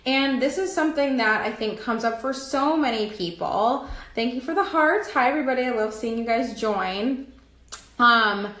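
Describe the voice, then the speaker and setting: A woman's voice: mid-range voice, fairly bright tone. Chatty, worn-out woman coach in an echoey room. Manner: chatty and upbeat, many filler likes. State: losing her voice and exhausted. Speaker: business coach. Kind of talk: casual live-stream talk to viewers.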